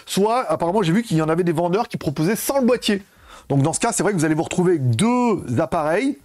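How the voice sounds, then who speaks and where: Fast, lively chatty man. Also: high-pitched. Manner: chatty, rambling, corrects himself mid-sentence. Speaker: tech reviewer. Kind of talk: casual product review vlog. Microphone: wireless lapel mic.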